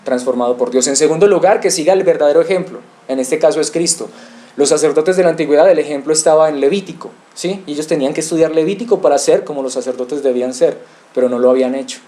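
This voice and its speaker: A man's voice: on the high side, fast, warm tone. A male pastor preaching an expository sermon, asking rhetorical questions and addressing the congregation directly.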